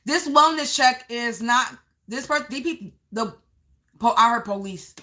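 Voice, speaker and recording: A woman's voice: fairly high pitch, expressive, measured pace, sharp tone. A woman giving a live psychic reading, narrating visions as they come to her, repeating phrases and stretching out key words for emphasis. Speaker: psychic reader.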